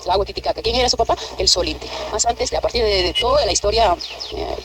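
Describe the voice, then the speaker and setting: A woman's voice: medium pitch, fast talker, noisy background. A woman gives a fervent, repetitive church testimony, talking straight to a fellow sister. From Peru. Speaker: church member giving testimony. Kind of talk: emotional spoken testimony.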